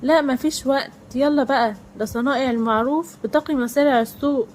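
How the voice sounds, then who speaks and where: A woman's voice: sits high, fast, darkish tone, slight background noise, close to an everyday voice. A woman voicing a pushy, playful young woman friend in an Egyptian accent, insistent and bossy.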